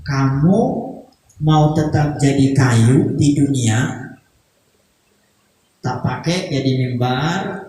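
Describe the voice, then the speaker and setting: A man voicing a gentle figure who speaks slowly and softly, soothing and questioning. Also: medium pitch, far from the mic. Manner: slow, soft, soothing. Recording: echoey hall.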